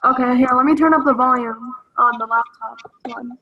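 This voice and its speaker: A woman on a video call telling a story at a memorial in a slow, measured way, heard through a laptop speaker. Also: fairly high pitch, fairly even intonation, dull audio, slight background noise. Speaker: family member at a memorial. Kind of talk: telling a story while folding paper.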